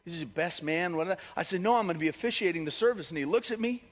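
A man's voice: sits high, expressive, fast. A man preaching a sermon as pastor, telling stories in a joking, conversational way. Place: church hall. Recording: long hall reverb.

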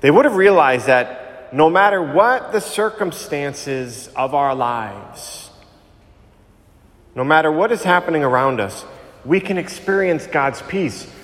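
A man serving as priest, reading the Gospel and preaching a homily in a measured, phrase-by-phrase delivery, with cathedral echo. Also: a little high, expressive, a bit bright. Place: large church. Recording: long church reverb.

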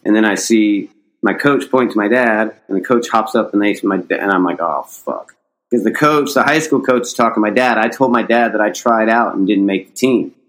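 A middle-aged American skateboarder, a podcast guest, tells a long personal story in a casual, rambling way, restarting often and swearing casually. His voice is fairly low and fairly bright, he talks a little fast, and the recording is rough.

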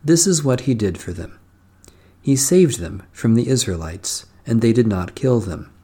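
A man leading a midday prayer service, reading psalms and scripture in a measured, solemn recitation. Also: medium pitch, lively intonation, dark tone, slightly rough. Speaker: prayer leader. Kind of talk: slow liturgical reading.

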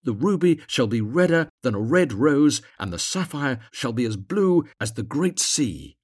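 A man's voice: mid-range voice, very animated, unhurried, pitched above the performer's own voice. A man voicing a small, devoted, kind-hearted male swallow in a storybook, speaking earnestly and with exclamation. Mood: wistful, excited.

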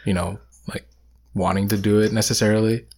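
A man as a guest in a casual chat, speaking in a measured, hesitant way with many fillers. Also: on the low side, flat delivery, gravelly, darkish tone. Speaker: podcast guest.

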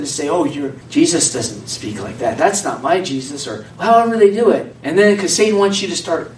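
A man preaching a sermon in a conversational, animated way, joking with the congregation. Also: sits high. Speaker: pastor. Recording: echoey room, mic at a distance, faint noise.

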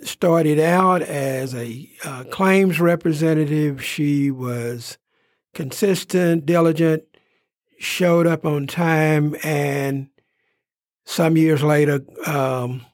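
A man hosts a local interview talk show in a warm, unhurried manner, dropping frequent "uh" fillers. His voice is a little high, recorded with clean studio sound and no echo.

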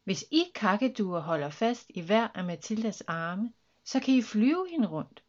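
A woman's voice: medium pitch, sing-song, highs cut off. A woman voicing a clever, helpful rainbow lorikeet in a children's story.

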